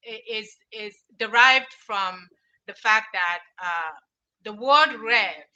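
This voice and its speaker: A woman from Cameroon presenting her app on a video call, earnest and halting, with many fillers. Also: mid-range voice, pushed and bright, dull audio. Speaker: inventor pitching an app. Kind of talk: online pitch presentation.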